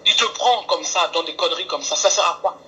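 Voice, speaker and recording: A woman calling in to a live stream, talking earnestly and pleading for calm. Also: on the low side, brisk, a little hiss or hum, low-quality recording. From France. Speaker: caller. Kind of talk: phone call on a live stream.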